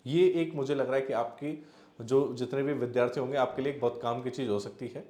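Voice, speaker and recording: A man's voice: medium pitch, fairly even intonation, a little fast, darkish tone, reverberant. A man teaching exam preparation, talking it through in a conversational way with repeated examples and fillers. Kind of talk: explanatory exam-prep talk.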